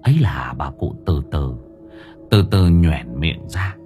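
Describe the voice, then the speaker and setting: A man narrating a horror audiobook in a dramatic, drawn-out storytelling manner. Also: rumbling low, lively intonation, a little mellow. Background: faint music.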